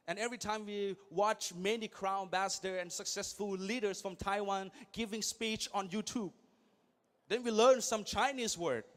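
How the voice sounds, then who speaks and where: This thirties-aged guest speaker, whose native language isn't English, has a high-pitched voice. He gives a lively motivational speech at a big event, alternating between hushed asides and booming appeals to the audience.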